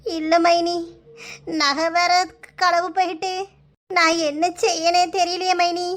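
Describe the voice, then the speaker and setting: A woman's voice: very high voice, flat delivery, slow pace, a bit bright, heavily acted. A woman voicing a distraught village mother in a cartoon, pleading tearfully in a Kanyakumari Tamil accent.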